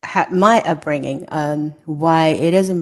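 A woman's voice: deep voice, measured pace. A woman from Hong Kong, a co-author sharing a personal story in an earnest, conversational way. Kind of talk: casual conversation.

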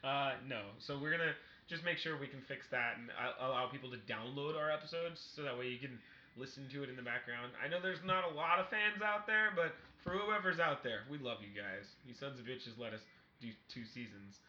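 A man's voice: mid-range voice, a little fast, bright, forceful tone, roomy sound, lo-fi sound. A man co-hosting a comedy podcast, chatting casually in a crude, joking, profane way. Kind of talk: casual chat.

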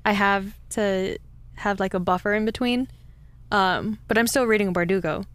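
A woman's voice: medium pitch, moderate pace. A young woman from California co-hosting a podcast, chatty and giggly after a few drinks. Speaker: podcast co-host. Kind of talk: casual chat.

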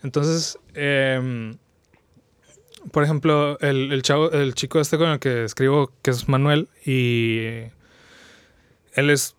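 A man's voice: medium pitch, fairly even intonation, slow pace, pauses often, smooth, no echo. A young man with a Mexican accent, a podcast guest chatting casually and retelling a story in a rambling, slangy way with many restarts. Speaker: podcast guest, video creator. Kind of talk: casual chat, retelling an anime plot.

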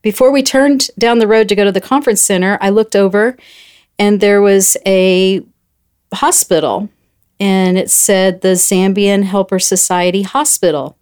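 Middle-aged woman, storytelling guest, animated, quotes people in voices, mid pitch. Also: normal speed, clear, resonant tone. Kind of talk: casual storytelling chat.

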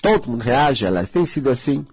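Husky older man, lively blunt talk. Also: medium pitch, fairly quick, no room sound. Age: 60s. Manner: animated, acts out voices of others, blunt. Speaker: spiritual healer. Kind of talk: casual spiritual talk.

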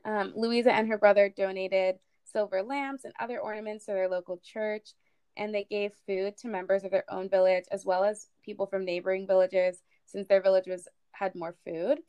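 A woman's voice: mid-range voice, fairly even intonation, normal speed, warm tone, clean tone, no echo. A woman co-hosting a casual history podcast, talking in a chatty way with many fillers. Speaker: podcast co-host.

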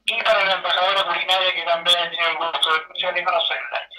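A man's voice: sits high, flat delivery, racing, bright, forceful tone. A man from Chile, calling in to a radio show over the phone, speaking formally and courteously with hesitant fillers. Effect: heard over a phone line. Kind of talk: call-in comment on a radio show. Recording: roomy, distant phone call.

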